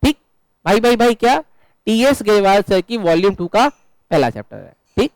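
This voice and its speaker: A man's voice: high-pitched, very animated, moderate pace, no echo, poor audio. A man teaching an accounts class to students in a classroom. He quizzes them often and jokes along the way. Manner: joking, quizzing students, mixing English terms. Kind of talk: classroom lecture.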